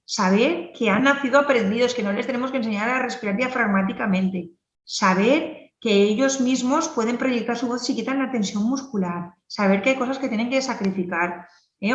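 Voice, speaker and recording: A woman's voice: mid-range voice, far from the mic, lo-fi sound. Woman lecturing in an echoey room. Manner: lively, explanatory, many tag questions. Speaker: speech therapist lecturer. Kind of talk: clinical lecture.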